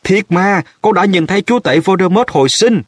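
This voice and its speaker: A desperate teenage boy, urgent and insistent, with a husky voice pushed high and loud, as a man puts him on for a storybook. The recording is dry. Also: slow pace, no room sound. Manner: shouting, urgent.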